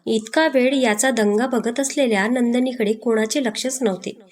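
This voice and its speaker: A woman narrating a romance story in a dramatic, expressive way. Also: on the high side, moderate pace.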